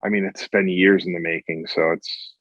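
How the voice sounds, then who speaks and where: A man's voice: low-pitched, flat delivery, moderate pace, fairly bright tone, no room sound. A man from Massachusetts, a metal band member, chatting easygoing over a flip phone call, laughing often and restarting his words. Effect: heard over a flip phone call. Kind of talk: casual chat. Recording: dull, muffled phone line.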